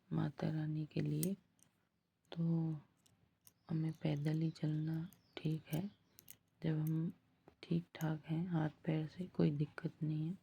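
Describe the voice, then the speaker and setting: A woman vlogger narrating her pilgrimage walk in a soft, devout way. She has a husky, strained voice from ongoing throat trouble. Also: low-pitched, muffled recording. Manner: slow, soft-spoken and devout. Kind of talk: travel vlog voice-over.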